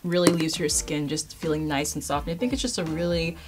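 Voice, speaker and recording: A woman's voice: deep voice, fairly quick. A woman in her late twenties, a beauty vlogger chatting casually and upbeat to her viewers. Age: 20s. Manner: chatty, upbeat, addresses viewers as you guys. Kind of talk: casual chat to camera. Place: indoor filming space.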